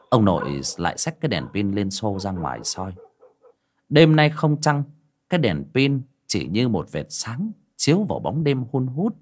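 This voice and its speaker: A man narrating a spooky audiobook story in an expressive, dramatic way. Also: on the low side. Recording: faint music under the reading.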